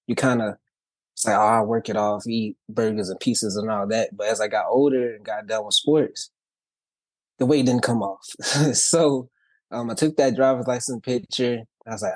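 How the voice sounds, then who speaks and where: A man's voice: on the low side, no echo. A man from Louisiana who grew up in Texas, telling his story as a podcast guest in an easygoing, upbeat way. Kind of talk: casual conversational storytelling.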